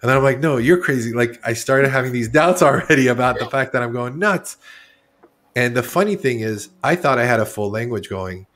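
A man's voice: medium pitch, expressive, brisk, fairly bright tone. A man in his forties, originally from Iran, talking as a guest artist in a casual interview, rambling and correcting himself as he goes. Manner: rambling, candid, self-correcting.

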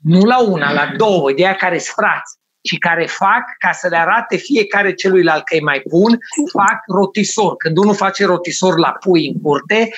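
High-voiced animated man telling stories. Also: muffled recording. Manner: animated, tells stories and acts out what others said. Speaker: storyteller on a talk panel. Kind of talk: casual chat.

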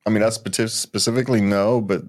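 Older guy cohosting, low voice, easygoing, laughs a lot. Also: fast. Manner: relaxed, joking, laughs often. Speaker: podcast co-host. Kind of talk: casual chat.

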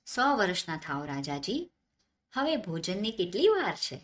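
A woman's voice: mid-range voice, big pitch swings, a little slow, fairly bright tone. A woman voicing a proud, irate old male Brahmin scholar who scolds indignantly in a storybook tale. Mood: blessing.

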